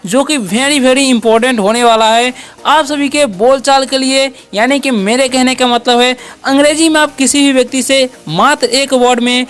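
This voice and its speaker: A man's voice: extremely high pitch, fairly even intonation, normal speed, a bit bright, faint music behind. A man teaching basic English words, often repeating questions to his students. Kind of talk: spoken English lesson.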